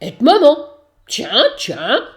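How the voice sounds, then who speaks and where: A woman reading a children's storybook aloud and voicing a cranky old witch with loud, shrill exclamations. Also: sing-song, unhurried, faint music behind. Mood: indignant.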